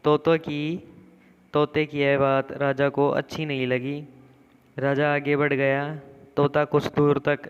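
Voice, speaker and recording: A man teaching a class lesson to young children, reading the story aloud slowly and deliberately. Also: a little high, flat delivery, smooth, lo-fi sound. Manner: slow, deliberate storybook reading with frequent "theek hai bachchon". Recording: echoey room with faint background noise.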